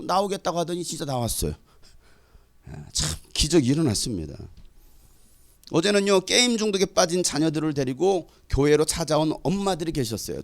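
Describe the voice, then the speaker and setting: A middle-aged male pastor delivering a sermon, building from conversational asides to loud, impassioned exhortation. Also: a little high, creaky.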